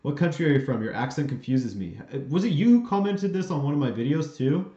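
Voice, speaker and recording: A man's voice: on the high side, lively intonation, quick pace, mellow. A man from western Canada hosting a live match watchalong, casually reacting to play and reading out chat questions. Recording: roomy, dull lo-fi stream audio.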